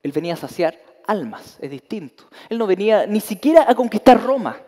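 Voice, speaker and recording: A man's voice: high voice, sing-song, a little fast, mellow. A male pastor preaching a sermon emphatically, asking rhetorical questions. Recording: long reverb of a hall.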